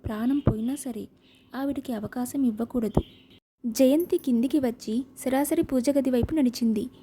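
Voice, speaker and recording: A woman narrating an audiobook novel with a steady, expressive reading. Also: sits high, normal speed, slight background noise.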